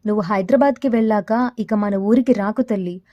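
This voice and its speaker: A woman's voice: medium pitch, fairly quick, dry recording, muffled recording, lightly acted. Anxious protective older village father read by a woman storyteller, storybook character, dry close sound. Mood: worried. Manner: anxious, then shouting threats.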